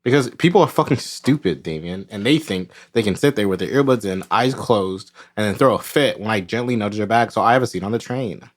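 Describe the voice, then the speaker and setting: A man with a fairly low voice chats and jokes with friends before a tabletop session. He rants in mock outrage and swears without a second thought. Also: a little fast, few pauses. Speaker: podcast host. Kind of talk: casual banter before a tabletop game.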